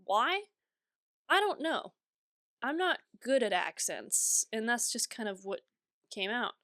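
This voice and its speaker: A woman's voice: on the high side, very animated, takes it slowly, fairly bright tone, no echo, studio quality. A young woman co-hosting a podcast, chatting casually and laughing through her own stories. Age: young adult. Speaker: podcast co-host.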